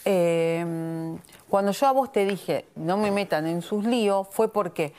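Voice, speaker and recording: Woman, Argentine accent, reality show contestant, heated argument, insistent, keeps asking if she is understood, mid-pitched voice. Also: measured pace, a little mellow, slight background noise. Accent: Argentine Spanish.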